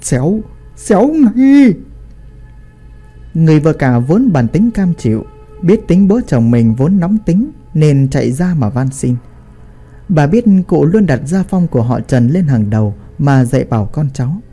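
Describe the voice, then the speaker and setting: Man, storyteller, lively pitch, very dark mellow tone, scripted narration. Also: normal speed, slightly rough, faint music behind. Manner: expressive storytelling.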